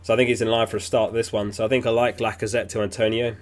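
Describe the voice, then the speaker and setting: A fantasy football livestream host with a somewhat low voice chats loosely at a quick pace, reading viewer messages and thinking aloud with easy fillers. His pitch barely moves. Still getting over an illness, he sounds sniffly and keeps clearing his throat.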